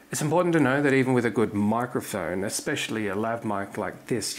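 A man in his thirties, a cooking streamer, calmly and methodically explaining to camera in his home kitchen on a lapel mic. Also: mid-range voice, a little hiss or hum. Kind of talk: scripted talk to camera. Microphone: lavalier clipped to apron.

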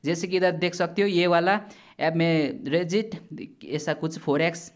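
A man's voice: a little high, steady tone, measured pace. A man giving casual gameplay commentary as a gaming YouTuber, chatty and blunt, warning his viewers and swearing now and then. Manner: chatty, repeatedly addresses viewers as brother.

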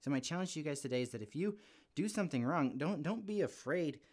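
A man with a fairly high, lively voice talks fast and sounds a little mellow as a friendly young puppet kid. Casual and earnest, he gives a devotional for children, chatty and informal with plenty of "like".

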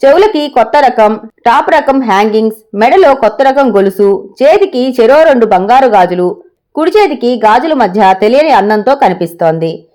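Lively woman storyteller. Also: on the high side, moderate pace. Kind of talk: scripted story narration.

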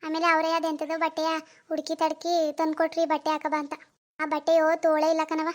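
A woman's voice: high voice, monotone, quick pace, lightly acted. Woman voicing a sulky young wife. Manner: soft, reluctant. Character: young married daughter, hesitant and sulky. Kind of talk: animated cartoon voice acting.

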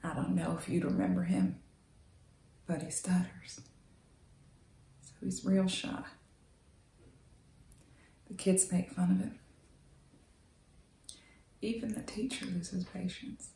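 Actress as searching, hurt woman, creaky voice. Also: on the low side, warm tone. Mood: tender, sad. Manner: halting, searching, with breathy drops to near whisper. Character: hurt, pleading woman leaving her fiancé. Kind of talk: searching dramatic monologue, soliloquy. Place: small indoor room, plain backdrop. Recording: roomy indoor echo.

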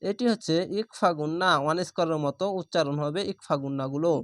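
A man's voice: on the high side, fairly bright tone, no room sound, clean studio sound. A man teaching Quran reading, patiently spelling out each syllable letter by letter and explaining the rules as he goes. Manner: spells out syllables slowly and methodically.

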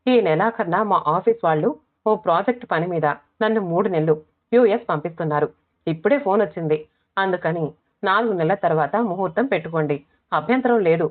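A woman's voice: fairly low pitch, brisk, lightly acted. A woman narrator voicing a headstrong young woman who has just become a mother, pert and insistent. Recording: tinny phone-like audio.

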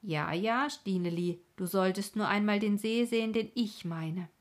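A woman voicing a wistful, sad little boy in a bedtime story, breathy and softly whispered. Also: mid-range voice, moderate pace, natural voice.

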